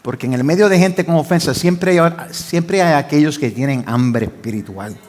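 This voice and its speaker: An older man, a pastor, preaching a fervent sermon that swings between loud pleading and quiet asides. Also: on the high side, moderate pace.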